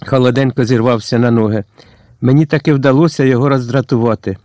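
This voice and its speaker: A man's voice: mid-range voice, steady tone, quick pace, a little mellow, no room sound. Man reading a detective audiobook. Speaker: audiobook narrator. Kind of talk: first-person audiobook narration. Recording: dry close audiobook recording.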